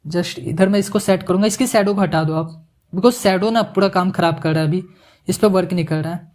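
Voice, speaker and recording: Chatty man teaching animation software. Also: high-pitched, a little fast. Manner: chatty, joking asides, mixes English words into Hindi. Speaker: animation tutorial instructor. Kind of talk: casual screen-recorded software tutorial.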